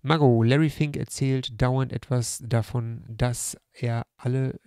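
A man in his thirties hosts a casual livestream in a medium-pitched voice. It sounds squeezed and strangled, kept rather subdued. He speaks close to a desk microphone with very little room sound, reading out comments and replying informally. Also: steady tone, unhurried, a little mellow, clear, resonant tone, no echo. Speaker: livestream host. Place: room at home by a large window. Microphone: close desk microphone on a stand.

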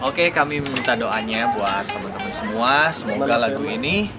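A man's voice: medium pitch, lively intonation, normal speed, over loud music. A man chatting casually and upbeat outdoors at a video shoot. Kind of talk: casual behind-the-scenes chat. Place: outdoors at a busy location shoot. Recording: loud crowd around.

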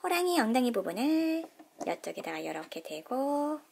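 A woman's voice: sits high, big pitch swings, normal speed, vocal fry, very noisy. A woman narrating a toy unboxing for children, gushing with delighted exclamations and explaining each step in a sing-song, kid-friendly way. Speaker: toy unboxing channel host.

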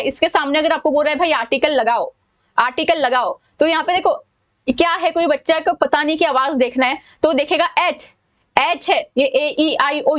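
A high-voiced woman with an Indian accent teaches an exam-prep grammar lesson. She talks to her students in a chatty, informal way and keeps checking in with quick questions. Her voice stays bright and raised as she explains each point step by step. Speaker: English teacher.

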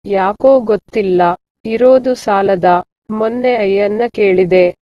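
A woman's voice: mid-range voice, a little slow, no echo, close to an everyday voice. A woman voicing a poor six-year-old village girl who talks in rustic speech and sounds motherly beyond her years. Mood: sad. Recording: dull, muffled dry recording.

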